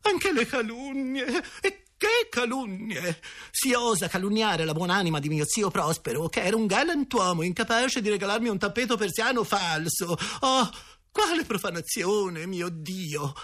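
A man's voice: high voice, expressive, moderate pace, fairly bright tone, voice pushed up. A man reading an audiobook, voicing a pompous, outraged older woman who speaks theatrically. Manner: theatrical, indignant.

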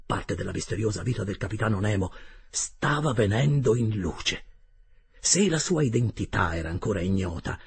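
A man narrating an audiobook with a measured, dramatic reading and a gravelly, husky voice. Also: lowish voice.

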